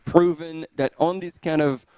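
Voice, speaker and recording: Smooth-voiced man commentating a trail race. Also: a little high, steady tone, unhurried, darkish tone, no room sound. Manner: casual, lots of fillers like "like" and "you know".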